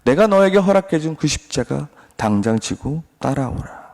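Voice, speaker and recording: A man voicing God questioning a doubting believer, low and firm. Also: animated, normal speed, vocal fry, a little mellow. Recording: long reverb.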